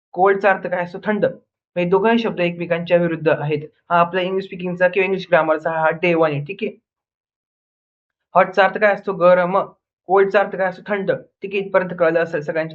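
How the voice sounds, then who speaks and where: A young man teaching an English grammar lesson, drilling word pairs with repeated questions and answers and a constant "okay". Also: sits high. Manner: says "ठीक आहे" constantly. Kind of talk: online lesson in Marathi. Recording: tinny phone-like audio.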